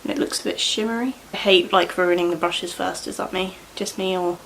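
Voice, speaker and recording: A woman's voice: fairly low pitch, fairly even intonation, fairly quick, vocal fry, a little hiss or hum, low-quality recording. A young woman chatting casually in a rambling way while doing her makeup at home, with lots of fillers. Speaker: beauty vlogger.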